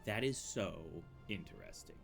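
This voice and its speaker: A man's voice: on the low side, big pitch swings, moderate pace, gravelly, a bit bright, faint music behind. A man casually commenting on his gameplay, musing and dryly amused, talking to himself at a desk microphone he sometimes leans away from. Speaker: streamer playing a game. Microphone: desk microphone, leans away at times.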